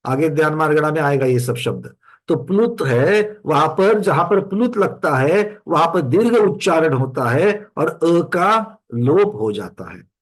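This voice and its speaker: A man with a slightly high voice teaches a scripture lesson over an online class. He recites verses slowly and drawn out, then explains them, asking his students questions as he goes. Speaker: religious teacher. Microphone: screen-sharing online class.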